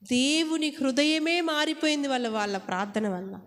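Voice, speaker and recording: A woman's voice: high-pitched, moderate pace, fairly bright tone. A woman preacher delivering an impassioned sermon, firing rhetorical questions at her congregation. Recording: long hall reverb.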